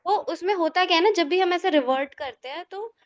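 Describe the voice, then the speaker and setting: A woman's voice: very high-pitched, dry recording, lo-fi sound. A woman in the class sharing her experience in an outspoken, casual way. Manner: outspoken, quick to reply. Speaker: class participant. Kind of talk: casual chat.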